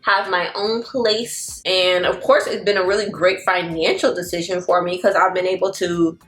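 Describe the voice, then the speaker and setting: Her voice fairly low and steady at a normal pace, this Florida vlogger in her twenties chats playfully with viewers as she gets ready, slipping into song and drawling slang. Faint music plays in the echoey room.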